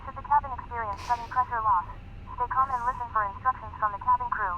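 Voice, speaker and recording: A man's voice: extremely high pitch, fairly even intonation, fast, bright, forceful tone, slight background noise. A man voicing a polite male flight attendant giving a scripted cabin safety announcement over a tinny aircraft PA speaker. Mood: formal.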